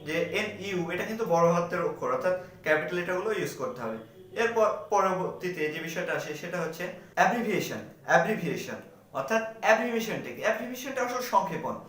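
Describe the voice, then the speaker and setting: A man's voice: high voice, fairly bright tone. A man giving an explanatory lecture, asking and answering his own questions. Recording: echoey room, mic at a distance.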